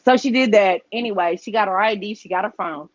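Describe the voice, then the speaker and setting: Fairly quick and mid-range in voice, a woman appearing as a podcast guest relates a story casually and with swearing. She's animated and mimics the voices she quotes. The high frequencies in the audio are cut off.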